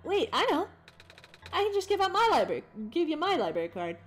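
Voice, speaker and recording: A woman's voice: very high voice, big pitch swings, fairly quick, faint music behind, voice pushed up. A woman voicing a friendly, flustered young inventor while reading game dialogue aloud, in an apologetic, upbeat and chatty manner.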